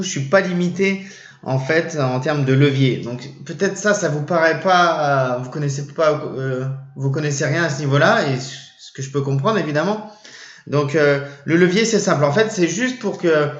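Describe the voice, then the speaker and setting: A man casually explaining to his viewers, hesitant and full of fillers and restarts. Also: fairly high pitch. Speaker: trading channel host. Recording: roomy, dull lo-fi sound.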